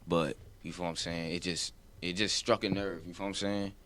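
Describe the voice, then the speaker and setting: A man's voice: sits low, level tone, brisk, a bit bright. A rapper, chatting in a laid-back, rambling way, with a voice that sounds older than his age. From New Jersey, US. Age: 20s. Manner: laid-back, rambling, says "you feel what I'm saying". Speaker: rapper guest. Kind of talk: casual interview chat.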